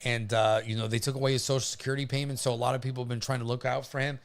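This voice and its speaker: A man with a mid-pitched voice hosts a live weather stream. He talks casually and informally, commenting as he goes, with a halting delivery and frequent hesitations. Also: flat delivery. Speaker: livestream host covering a hurricane.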